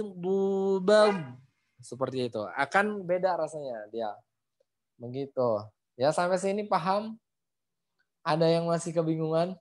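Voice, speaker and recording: A Quran recitation teacher giving a casual online lesson over a video call, repeating points and sounding out syllables aloud. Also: medium pitch. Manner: repetitive, demonstrates sounds aloud, frequent "ya" and "gitu".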